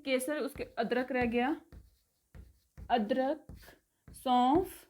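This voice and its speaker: High-voiced woman teaching vocabulary. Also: a little mellow. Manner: spells words letter by letter and repeats them slowly; says "theek hai" after nearly every item. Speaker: spoken English teacher. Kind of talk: casual Hindi vocabulary lesson.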